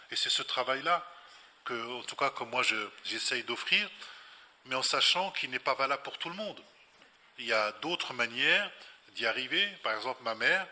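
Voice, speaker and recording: A man with a sharp-toned, mid-range voice speaks as a guest scholar at a public event, answering off the cuff in a reflective, didactic way and repeating phrases to stress his points. The hall is reverberant.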